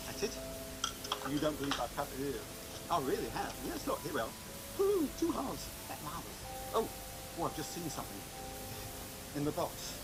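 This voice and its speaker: A man's voice: a little high, big pitch swings, a little fast, pauses often, loud music behind the voice, low-quality recording. A British man giving comic magic patter like a children's party magician, playful and bumbling with theatrical asides. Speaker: magician entertainer.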